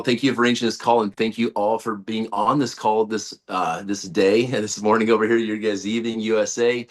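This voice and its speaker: A man speaks on a group video call, pushing hard with a salesman's hype. He rambles, restarts sentences and leans on fillers while his voice stays in a middle pitch. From United States. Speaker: guest, network-marketing leader.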